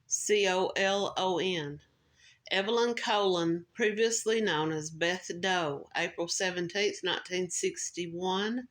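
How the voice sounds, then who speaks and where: Lady telling a true crime story, a bit low-pitched, chatty, stumbles and restarts sometimes. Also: a bit bright. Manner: conversational, with restarts and filler words. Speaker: true crime podcast host. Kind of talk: casual true crime narration.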